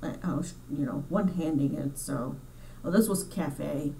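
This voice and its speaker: A congested woman hosts her crochet channel in a chatty, rambling style, often stopping to correct herself. Her voice sits on the low side. She sounds set back from the mic, with a faint hiss underneath. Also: normal speed, creaky, warm tone, recorded from a distance, poor audio. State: congested from sinus trouble. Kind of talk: casual chat over store footage.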